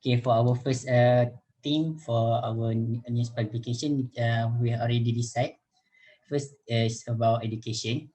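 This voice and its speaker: A man's voice: medium pitch, fairly even intonation, measured pace, warm tone, rough recording. A young man leading a student group discussion over a video call, hesitant with many fillers and restarts. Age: young adult.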